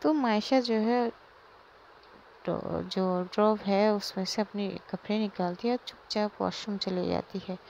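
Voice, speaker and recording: Woman telling a story in a mellow voice. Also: medium pitch, a little slow, creaky, a little hiss or hum. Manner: retells plainly with many fillers. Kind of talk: casual spoken story narration. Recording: slightly dull lo-fi recording.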